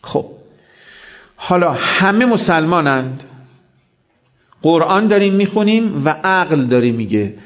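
Man preaching a sermon, muffled recording. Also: on the high side. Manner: animated storytelling, acting out dialogue. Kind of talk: religious sermon.

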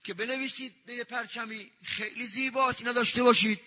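A man's voice: very high voice, fairly even intonation. A man preaching a pulpit sermon. He talks with emphatic rhetorical questions and chants scripture he quotes. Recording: long hall reverb, dull lo-fi sound.

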